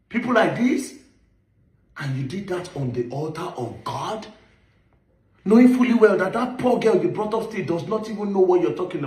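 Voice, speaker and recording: A man with a Nigerian accent giving an impassioned, accusatory monologue, stressing points with rhetorical questions. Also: high-pitched. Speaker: online commentator. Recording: echoey room.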